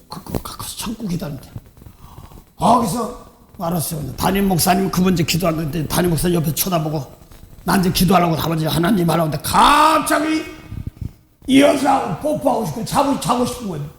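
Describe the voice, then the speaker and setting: Male pastor, very high voice, echoey church room, faint hiss, lively storytelling, laughs at himself. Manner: animated storytelling, acting out voices; self-deprecating, laughs often. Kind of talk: dawn service sermon. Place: church sanctuary.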